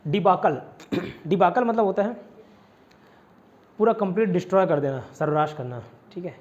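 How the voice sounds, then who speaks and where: Higher-voiced man drilling vocabulary. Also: normal speed, a little mellow, dull audio. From India. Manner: repetitive drilling, mixing Hindi and English. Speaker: vocabulary teacher. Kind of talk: online exam-prep lesson.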